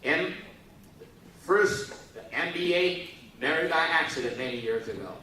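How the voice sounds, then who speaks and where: Lively and unhurried, a middle-aged man from Taiwan delivers a joking speech to a live youth-forum audience, teasing them playfully and coaxing responses. His voice sits on the high side, bright and forceful, and it sounds far off in an echoey hall.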